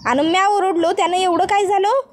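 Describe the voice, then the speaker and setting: A woman's voice: extremely high pitch, steady tone, brisk, voice pushed up. Krishna, a woman doing a blunt rustic village wife. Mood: scolding. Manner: blunt, chattering, loud.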